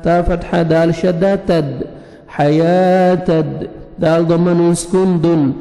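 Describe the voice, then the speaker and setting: A man teaches Quran recitation in an echoey room with faint music in the background. His voice sits a bit high but sounds mellow and soft-edged. He goes very slowly, spelling out each letter and vowel mark before chanting the verse, and explains the rules in quick Urdu asides. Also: steady tone, vocal fry. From South Asia. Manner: brisk explanations of pronunciation rules between recitations. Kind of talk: slow syllable-by-syllable recitation lesson with explanations.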